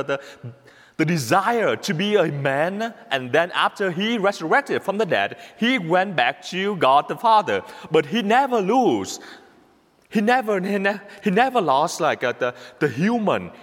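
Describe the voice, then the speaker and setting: Priest guy giving a christmas homily, slow and bouncy, keeps repeating himself, big echoey church. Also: fairly high pitch. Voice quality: animated, repetitive emphatic delivery. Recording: long hall reverb.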